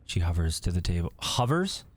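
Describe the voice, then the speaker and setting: Young male let's-play commentator, low voice, nervous and jokey. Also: big pitch swings, brisk. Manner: anxious, joking, reads text aloud. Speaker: gaming commentator.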